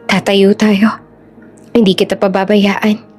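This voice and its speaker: A woman voicing a weary, resilient young mother who speaks softly and tiredly. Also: mid-range voice, flat delivery, slow, faint music behind, close to an everyday voice. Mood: tender. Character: Ella, weary young pregnant waitress, resilient.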